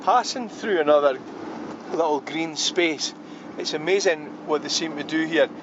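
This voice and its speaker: His voice a little high and his delivery a little slow, a travel vlogger narrates as he drives and walks through a small town. He wanders verbally with frequent ums and fresh starts. The sound is lo-fi, with a noisy background.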